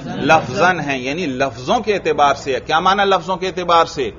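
A man with a somewhat high voice teaching a grammar class. He keeps asking the students questions and repeats their answers back to them. The recording sounds dull and lo-fi. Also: a crowd in the background.

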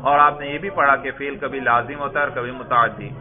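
A man's voice: medium pitch, steady tone, crowd noise. A man giving a grammar lesson, reading Arabic text aloud, then explaining it, asking his students questions and answering them himself. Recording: tinny phone-like lo-fi sound.

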